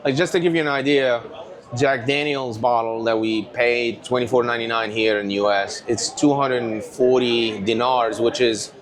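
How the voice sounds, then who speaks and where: Man, lively rambling storyteller, mid-pitched voice, relaxed interview chat. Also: normal speed. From Tunisia. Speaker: whiskey company owner, guest.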